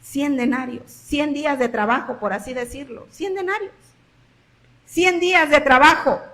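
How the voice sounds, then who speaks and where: A woman pastor with a Mexican Spanish accent preaching a sermon, swinging between loud emphasis and hushed drops and repeating phrases for emphasis. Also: high voice, moderate pace.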